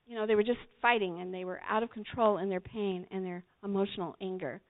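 A woman preaching a sermon, retelling a Bible story in an animated way, acting out quotes and talking directly to her listeners. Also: mid-range voice, quick pace. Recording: tinny phone-like audio.

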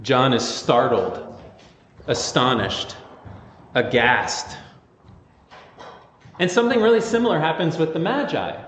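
Pastor preaching in an echoey hall. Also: male voice, medium pitch, takes it slowly, long pauses, a little hiss or hum. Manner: conversational, animated storytelling. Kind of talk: sermon.

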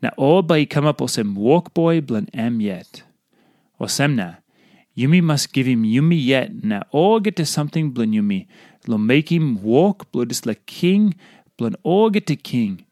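A man's voice: mid-range voice, expressive, measured pace, mellow, dry recording, studio quality. A man with a Papua New Guinean accent reading a scripted devotional. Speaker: devotional reader.

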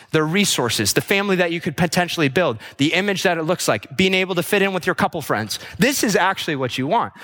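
A male pastor delivering a sermon in a fairly high voice. He drives his points home through repetition and rhetorical questions. His voice drops and fades as he finishes each list. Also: pushed and bright. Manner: drops pitch and trails off at the ends of lists.

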